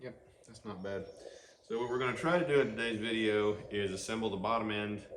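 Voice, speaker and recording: Working on an engine outdoors, the man behind this casual garage vlog speaks fairly quickly in a fairly low, loud voice. The sound is from the camera's built-in microphone, with a noisy, spacious workshop around him.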